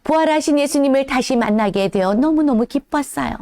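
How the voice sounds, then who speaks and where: A woman as a children's church teacher, telling a Bible story to toddlers in a gentle, animated way. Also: high-pitched, fairly quick, dry recording, studio quality.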